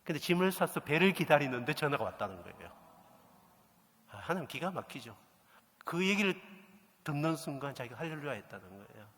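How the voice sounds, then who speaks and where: Male pastor, middle-aged, storytelling sermon, lively swooping pitch, long church reverb. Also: a little fast, long pauses. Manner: animated storytelling, acts out quoted dialogue. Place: church sanctuary. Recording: echoey church hall reverb.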